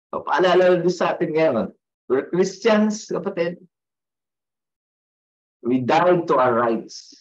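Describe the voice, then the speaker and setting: Pastor, conversational, muffled. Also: male voice, fairly high pitch, expressive, takes it slowly, pauses often. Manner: conversational, often asks "no?" and tells personal stories. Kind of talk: Taglish devotional sermon.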